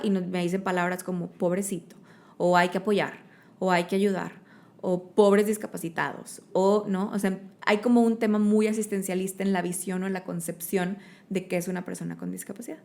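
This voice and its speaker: A woman with a Mexican Spanish accent talks as an interview guest, and her voice has a gravelly, creaky edge at mid pitch. She speaks expressively, with plenty of fillers and tag questions. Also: level tone, a little fast, a little mellow. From Monterrey, Mexico. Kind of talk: conversational interview storytelling.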